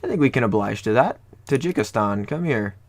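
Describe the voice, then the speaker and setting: A man's voice: medium pitch, expressive, a little fast. A young man from Ohio, casually commenting on a strategy game he is playing, rambling and correcting himself as he goes. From Ohio, USA. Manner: rambling, self-correcting, jokey. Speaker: gaming YouTuber. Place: home room.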